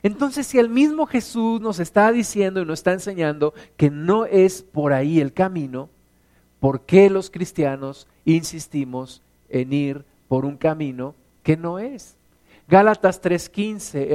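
A middle-aged Mexican man preaching a sermon as pastor, animated, acting out stories in put-on voices. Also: sits high. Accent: Mexican Spanish.

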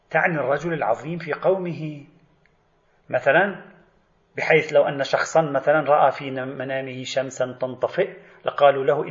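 A male lecturer, giving an animated spoken lesson on religious thought and acting out imagined questions to the theorist he discusses. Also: on the high side. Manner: animated, voices imagined exchanges and asks rhetorical questions. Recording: echoey, slightly dull lecture recording.

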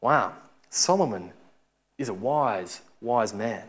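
A man's voice: medium pitch, lively intonation, takes it slowly. A man with a lisp giving a sermon, teaching from scripture in a conversational, informal way. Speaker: preacher giving a Bible talk.

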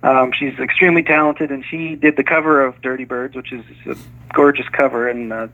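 A man's voice: medium pitch, steady tone, fairly quick. A man, an author being interviewed, talks in a hesitant way with many restarts and small laughs. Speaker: author and guest. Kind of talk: casual interview chat. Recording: tinny phone line.

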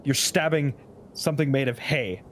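A man's voice: medium pitch, normal speed, a little hiss or hum. A man acting as game master, narrating a tabletop role-playing game in an easygoing way and laughing often.

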